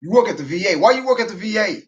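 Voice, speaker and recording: A man, a military veteran, talking in a loud, profane, casual monologue, breaking into laughter as he goes. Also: high-pitched, racing, muffled recording. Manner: loud, profane, laughing asides, animated rant.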